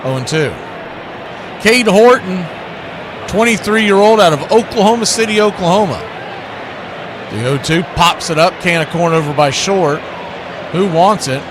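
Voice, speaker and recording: A high-pitched male announcer calls baseball play-by-play on radio and stream, tossing chatty asides to viewers over a noisy feed. He's a folksy showman with stock catchphrases and jokes, using lively intonation and an unhurried pace full of long pauses.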